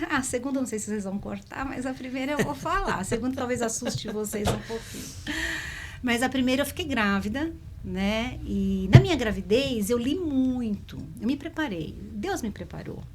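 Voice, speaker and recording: A woman telling a personal story in a conversation, in a lively, emotional way. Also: on the high side, moderate pace, background noise. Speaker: spiritist speaker.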